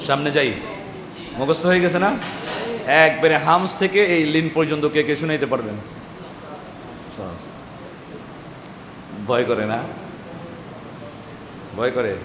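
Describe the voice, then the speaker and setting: A man's voice: a little high, takes it slowly, pauses often. A man teaching Quran recitation to a class, quizzing the students and drilling syllables again and again. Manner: drills students with repeated questions and chanted syllables. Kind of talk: classroom tajweed lesson. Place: large echoey madrasa classroom with students. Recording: echoey hall with noisy class.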